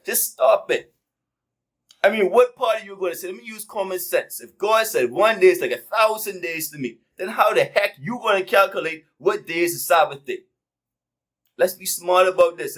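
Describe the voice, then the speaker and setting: A man's voice: sits high, a bit bright. A man preaching a fiery sermon full of rhetorical questions and plain, casual speech.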